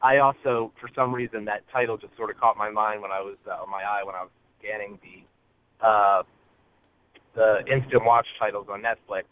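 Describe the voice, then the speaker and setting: A man phoning in to a show from his car over a Bluetooth speakerphone, talking in a hesitant way with many filler pauses. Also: lowish voice, fairly even intonation. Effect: car speakerphone call over Bluetooth. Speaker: caller. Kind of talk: casual call-in message. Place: inside a car. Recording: tinny phone line from a car.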